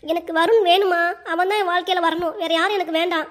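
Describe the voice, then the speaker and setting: A woman's voice: very high voice, fairly even intonation, quick pace. A woman voicing a young college girl in a Tamil cartoon, whiny and insistent. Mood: pleading.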